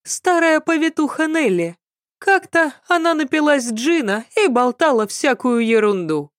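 A woman doing a shrill nasal young maidservant. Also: very animated, a little slow, no room sound, studio quality. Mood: evasive. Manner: sharp, quarrelsome retorts.

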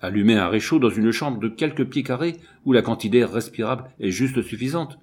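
A man's voice: medium pitch, animated, moderate pace, a little mellow, breathy edge. A man reading the lines of a curt, irritable old male scientist in an audiobook, scolding sharply. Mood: angry.

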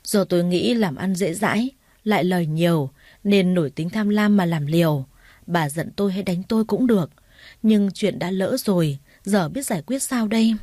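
A weak, remorseful older father, read by a woman in a sighing, pleading tone with a mellow, warm voice. Dry and close, with no room sound behind the storybook reading. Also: on the low side, moderate pace, dry recording, lightly acted.

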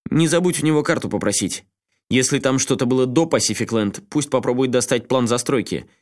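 A man voicing an excitable male friend who blurts out sharp, sardonic remarks and sudden ideas. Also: mid-range voice, fairly quick, voice pushed up, natural voice. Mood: insistent. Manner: abrupt, sardonic outbursts.

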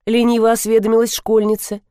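A woman narrating a first-person novel in a wry, expressive way. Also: fairly high pitch, fairly quick, dry recording, studio quality. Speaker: audiobook narrator.

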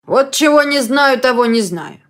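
A woman voicing a hoarse, jovial, hard-drinking middle-aged man in an audiobook, drawling slowly. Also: sits high, animated, pitched above the performer's own voice. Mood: gruff. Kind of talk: audiobook reading.

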